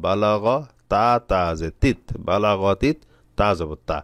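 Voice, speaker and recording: A man from Bangladesh teaching Quran reading, spelling out letters and vowel marks one by one, then stretching out each recited word slowly. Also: fairly low pitch, lively intonation, dry recording, studio quality. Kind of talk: step-by-step recitation lesson.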